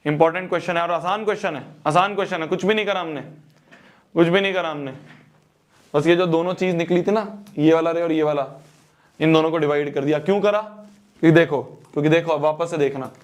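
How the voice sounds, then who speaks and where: A man's voice: a little high, fairly quick. A young man teaching a math exam-prep lesson, repeating phrases and checking that students follow.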